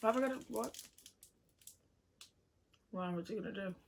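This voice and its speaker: A young woman from the United Kingdom casually chatting while taste testing snacks, playful and quick to laugh. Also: mid-range voice, creaky, slight background noise. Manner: giggly, playful, laughs a lot. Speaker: vlogger. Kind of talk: casual taste-test chat.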